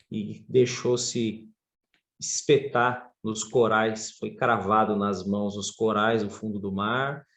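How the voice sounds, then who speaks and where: A man, chatting as a podcast guest. He tells stories expressively, his voice leaping up in pitch at moments, at a middle pitch overall. It sounds like relaxed interview talk. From Brazil. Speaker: podcast guest, surf instructor.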